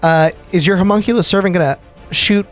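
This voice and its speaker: Male game master, high voice, conversational narration, music underneath. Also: a little fast. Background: background music.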